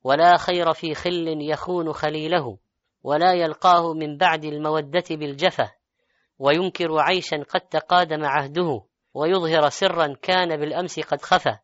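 Guy giving an islamic sermon in formal standard arabic, measured n eloquent, dry kinda muffled recording. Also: a little high, fairly even intonation, fairly bright tone, no echo. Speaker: preacher. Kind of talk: formal religious sermon with recitation of scripture and verse.

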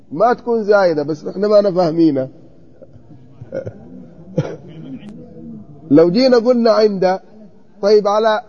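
Male grammar teacher, high voice, dull lo-fi recording, questioning and drilling students. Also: dark tone. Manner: questioning, checks students' copies, repeats vowel forms slowly. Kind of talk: classroom text study.

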